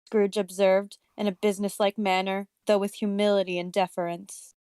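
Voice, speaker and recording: A woman reading a story aloud as narrator on a casual podcast, with steady storybook delivery. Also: medium pitch, normal speed, clean tone, dry recording, clean studio sound.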